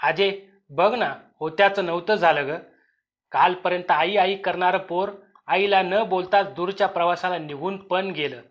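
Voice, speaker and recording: A grief-stricken young village mother pleads through tears in a high, raised voice, as a male storyteller voices her. She is an audio-story character, desperate and tender. The voice rises above the narration. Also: measured pace, a bit bright. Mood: sorrowful.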